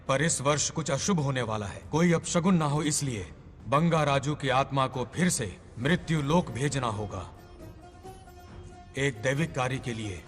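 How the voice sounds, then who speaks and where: A man's voice: medium pitch, close to an everyday voice. An actor dubbing a solemn, formal male god handing down a stern decision. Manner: grave, formal. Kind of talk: Hindi film dub. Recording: long hall reverb under film music.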